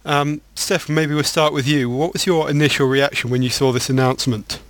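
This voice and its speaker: A man's voice: a little high, fairly even intonation, dry recording. Man hosting a podcast, dry sound. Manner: measured, steering the talk. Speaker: podcast host. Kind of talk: casual chat.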